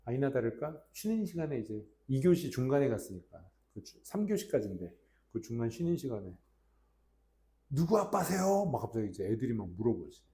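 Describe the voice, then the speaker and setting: Animated, swooping male academy teacher. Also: mid-range voice, fast talker. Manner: animated, acts out kids' voices. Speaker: private academy English teacher. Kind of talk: casual storytelling to a class. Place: classroom.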